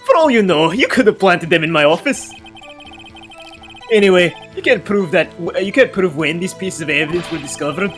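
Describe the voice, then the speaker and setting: A man's voice: sits high, animated, fairly quick, fairly bright tone. A smug, scheming older police chief, as a man puts him on in a put-on Irish accent. He talks down to people with a chuckling, patronizing air over a bed of game music.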